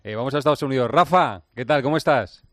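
A man's voice: medium pitch, fast talker, a bit bright, no room sound, studio quality. A man hosting a radio sports chat, asking friendly, teasing questions. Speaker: radio host.

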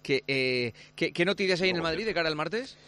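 A man hosting sports radio with a bright, sharp tone, steering guests with questions and quick asides. His voice sits somewhat high. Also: expressive, smooth. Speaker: host.

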